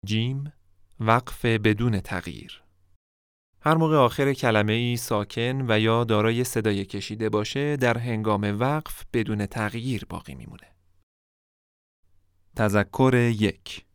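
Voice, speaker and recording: Male lesson narrator, smooth and close, dead-dry sound, measured delivery that drags out example words. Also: lowish voice, no room sound. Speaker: Quran recitation teacher. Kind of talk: scripted instructional narration.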